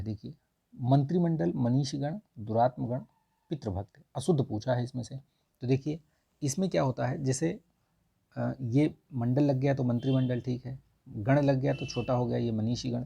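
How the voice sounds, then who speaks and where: A man explaining test answers in a relaxed, chatty lesson, often pausing to check his listeners are following. His voice is gravelly and husky, with a mellow, dark tone. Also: mid-range voice. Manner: conversational, repeats "ठीक है" often. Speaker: exam prep tutor.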